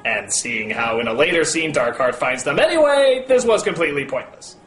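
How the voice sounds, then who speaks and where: A man's voice: on the high side, very animated, brisk, fairly bright tone. A man hosting a comedic film review, sarcastic and exasperated, prone to outbursts. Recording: echoey room, music behind.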